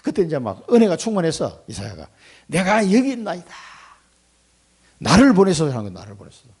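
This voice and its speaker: Middle-aged guy pastor giving a sermon, raspy gravelly voice, animated, acts out the quotes. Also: on the high side, quick pace. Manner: animated, acts out prayers and God's replies in quoted voices, chuckles.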